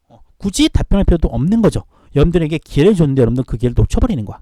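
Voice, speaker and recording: A male tutor giving an online lecture to students, brisk and full of rhetorical questions aimed at his listeners. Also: a little high, warm tone, no echo. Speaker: admissions tutor.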